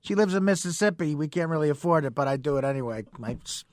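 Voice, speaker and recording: A man's voice: a little high, expressive, fast talker, dry recording, voice pushed down, close to an everyday voice. A man on a radio talk show playing a chatty middle-aged woman phone caller who rambles overfamiliarly. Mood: rambling.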